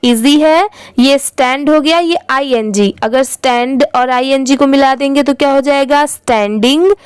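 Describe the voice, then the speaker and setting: Woman teacher, high voice, slow careful spelling, dry close sound. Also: steady tone, no echo, poor audio. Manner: spells words letter by letter, then reads them slowly. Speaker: English reading teacher. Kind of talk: step-by-step spelling and reading lesson.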